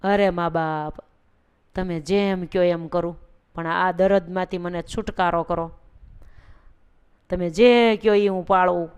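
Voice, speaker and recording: A woman's voice: fairly low pitch, fairly even intonation, slow pace, long pauses, a little mellow, clear, resonant tone. A woman voicing a sick older village man who pleads plaintively to be healed. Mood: pleading.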